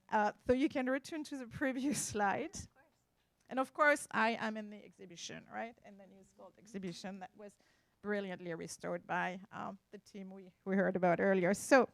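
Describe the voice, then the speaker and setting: A woman's voice: mid-range voice, dry recording. Woman, French accent, expert presenter talking through slides; hesitant, searching delivery, close dry sound. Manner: hesitant, searching for words, with asides. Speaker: art appraiser presenting.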